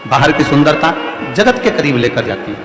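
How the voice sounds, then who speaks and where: A man's voice: fairly high pitch, sing-song, moderate pace. Emphatic male preacher in an echoing hall. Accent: Hindi, Madhya Pradesh. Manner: repetitive, emphatic, rhetorical preaching. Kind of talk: devotional sermon to a crowd. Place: large outdoor religious gathering. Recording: echoey hall, long reverb, faint music.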